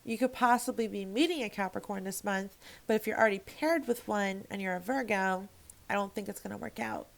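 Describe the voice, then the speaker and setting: Speaking to camera, a woman tarot reader gives a casual reading, frank and emphatic, cursing freely and rambling with frequent restarts. Her medium-pitched voice moves a little fast with some vocal fry, and the recording is rough.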